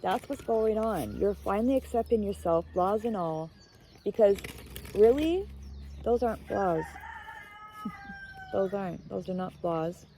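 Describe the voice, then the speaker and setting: A woman's voice: medium pitch, wildly swooping pitch, unhurried, long pauses, dark tone, a little hiss or hum, rough recording. A woman giving a casual, heartfelt tarot card reading, rambling and emotional as she talks to viewers. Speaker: tarot reader.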